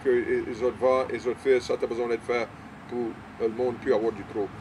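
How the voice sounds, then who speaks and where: An older man from Louisiana with a Cajun French accent, chatting in a halting, repetitive way and mixing in English words. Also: mid-range voice, flat delivery, noisy background. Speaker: small-town mayor being interviewed. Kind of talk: casual conversational interview.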